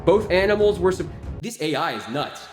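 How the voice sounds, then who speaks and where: A man's voice: high voice, big pitch swings, normal speed, soft background music. A man voice actor reading fan fiction comically, irreverent and amused, breaking in with his own reactions.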